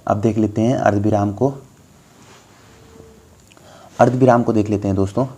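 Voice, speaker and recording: A man's voice: on the low side, fairly even intonation, normal speed, mellow. A young man tutoring viewers through a Hindi grammar lesson for exams, explaining patiently and often calling them friends. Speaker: exam tutor.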